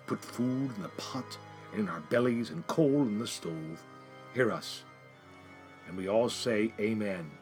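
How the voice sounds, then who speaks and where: A man's voice: on the low side, expressive, unhurried, darkish tone, soft background music. A man playing a poor, devout father. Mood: solemn. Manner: earnest, solemn, worried. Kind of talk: audio drama acting.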